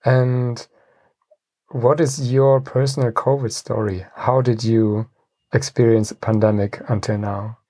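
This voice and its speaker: A man hosting a podcast, reading a measured, formal introduction and asking interview questions. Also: medium pitch, steady tone, mellow, dry recording. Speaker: podcast host.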